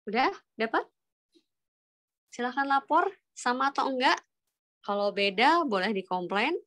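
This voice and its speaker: Woman lecturer on a video call, talks math slow n patient, keeps asking if everyone got it, a bit high voice. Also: animated, fairly bright tone. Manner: patient, prompting students with questions. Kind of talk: online calculus lesson.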